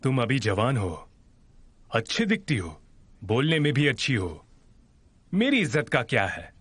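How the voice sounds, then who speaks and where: A man's voice: medium pitch, sing-song, measured pace, fairly bright tone, slightly rough, no room sound, exaggerated voice. A man dubbing a proud, stubborn man who insists on refusing help, in a drama. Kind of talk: Hindi dub of a drama.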